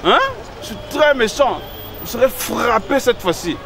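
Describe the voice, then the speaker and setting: Swaggering high-voiced man. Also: expressive, a little slow, gravelly, a crowd in the background, noisy background. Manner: swaggering, challenging.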